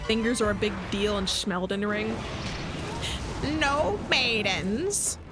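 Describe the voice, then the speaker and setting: A woman's voice: medium pitch, little pitch movement, moderate pace. A young woman streaming a video game, chatting casually and jokingly with her chat. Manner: chatty, jokey, rambling asides to chat. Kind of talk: casual livestream chat while playing. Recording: game stream with loud music behind.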